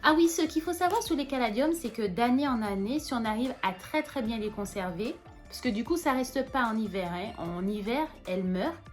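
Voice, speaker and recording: A woman's voice: on the high side, lively intonation, a little fast, faint music behind. A young woman, chatting casually in a plant vlog, rambling with many fillers and restarts. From Martinique. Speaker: plant vlogger. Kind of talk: casual show-and-tell vlog.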